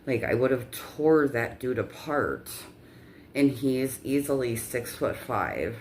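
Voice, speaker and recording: A woman's voice: very deep voice, animated, slow, a little mellow, a little hiss or hum. A woman telling a personal story in a casual vlog rant, with blunt, profanity-heavy delivery.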